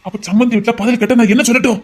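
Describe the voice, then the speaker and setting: A man's voice: very high-pitched, steady tone. A man playing a stern scolding father. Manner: scolding, quick and insistent. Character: stern middle-aged father pushing his son to marry. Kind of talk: amateur audio drama.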